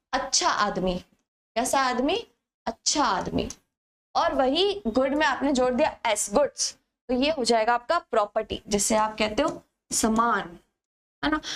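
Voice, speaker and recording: A young woman teaching a grammar lesson to exam students, explaining patiently and answering her own questions to the class. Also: sits high.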